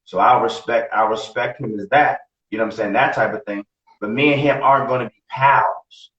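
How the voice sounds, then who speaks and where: With a mid-range, slightly bright voice, steady tone and moderate pace, a podcast co-host in his late forties swears freely and speaks bluntly, often circling back to repeat himself. The casual recording comes across as roomy, distant and dull lo-fi.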